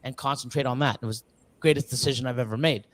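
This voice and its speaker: Talking fast in a medium-pitched, fairly even voice with no echo, this man is a guest on a casual live stream from an Ontario reptile facility. As a ball python breeder, he chats loosely about reptile breeding, full of fillers and restarts, swearing now and then.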